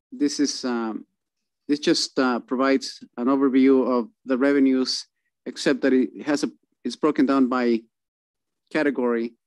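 A man presenting a city budget at a council meeting over a video call, halting with many fillers and restarts. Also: medium pitch, darkish tone, clear, resonant tone, no echo.

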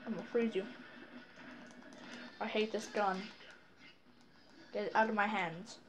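A woman's voice: mid-range voice, fairly even intonation, unhurried, slight background noise, rough recording. A woman chatting casually while playing a video game with a child, playful and teasing, often breaking into shrieks and laughter. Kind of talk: casual gameplay chat.

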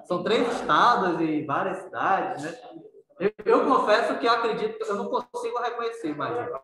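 A man's voice: sits high, expressive, fairly quick, crowd noise. A man teaching a class, chatting with his students, asking them questions and often adding "né". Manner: conversational, questions students, frequent tag "né". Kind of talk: interactive writing class on accents. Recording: very echoey room, distant mic.

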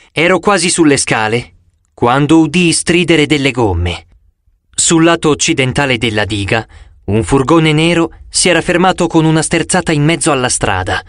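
Expressive male audiobook narrator. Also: mid-range voice, no echo, studio quality. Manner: expressive storytelling. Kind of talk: scripted first-person audiobook narration.

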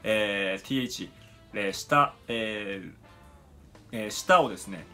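Man, native Japanese speaker, pronunciation teacher, bright forceful voice, lots of hesitant fillers, faint guitar music behind. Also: on the low side. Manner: frequent "eh" fillers, slow careful demonstrations. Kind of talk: spoken pronunciation lesson.

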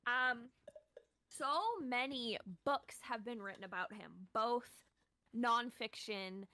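Bright, unhurried woman podcaster. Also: on the high side, fairly even intonation, no echo. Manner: giggly, filler-heavy. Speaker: podcast co-host. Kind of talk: casual chat.

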